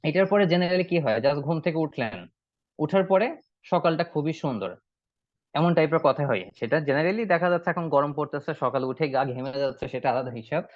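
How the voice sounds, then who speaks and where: A man's voice: fairly high pitch, animated, no room sound. Man teaching an online class, drilling phrases. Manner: explains step by step, repeats phrases slowly for drilling. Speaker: spoken English teacher. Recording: dry, slightly dull online-class audio.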